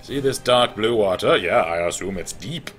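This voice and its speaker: A proud, lofty elf champion lays out his battle orders in clipped, commanding tones, as a man puts him on. The voice sits deep and swings widely in pitch. Soft background music plays behind it. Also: animated, moderate pace. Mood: instructive. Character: haughty male elf champion advisor.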